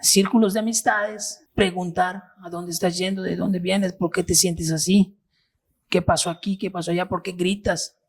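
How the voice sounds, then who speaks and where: A man in his thirties speaks as an interview guest, recounting his own experience. He talks earnestly but haltingly, restarting phrases as he searches for words. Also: high-pitched, level tone. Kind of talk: personal testimony in interview.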